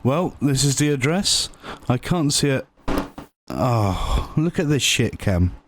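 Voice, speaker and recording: A man's voice: medium pitch, very animated, slow pace, noisy background. A man acting a brash, mocking, easily alarmed character in a comedy sketch, exclaiming, teasing and swearing. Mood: excitable, chatty. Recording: music behind the voice.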